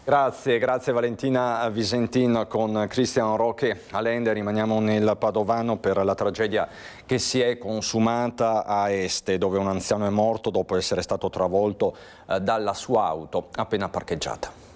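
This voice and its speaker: A man presenting the news as studio anchor in a measured way. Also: fairly low pitch, steady tone, darkish tone.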